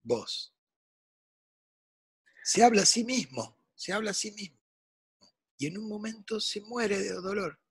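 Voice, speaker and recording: An older man with a Rioplatense Spanish accent, a guest musician giving an impassioned interview monologue that swings from hushed to loud. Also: high voice, normal speed, breathy edge.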